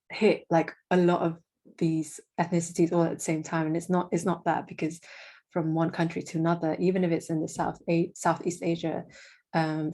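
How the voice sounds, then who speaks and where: A young woman from Indonesia talks through her background as an interview guest. Her voice sits low with little rise and fall, and she often pauses on fillers and restarts her sentences. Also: mellow. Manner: hesitant, many fillers and restarts. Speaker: guest, freelance marketing manager. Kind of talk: casual interview.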